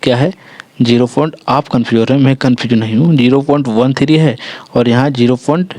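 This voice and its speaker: A man's voice: mid-range voice, steady tone, quick pace, a little mellow, no echo. Patient male maths teacher, dry sound. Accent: Jharkhand Hindi. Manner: explains step by step, often checks in with "ठीक है" and "देखिए"; corrects his own slips as he goes. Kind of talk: classroom-style maths lesson.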